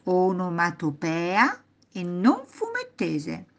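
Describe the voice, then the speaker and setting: A woman's voice: lowish voice, wildly swooping pitch, slow pace, heavily acted. A woman voicing a playful, sly old grandfather in a children's storybook, speaking in an amused, teasing way.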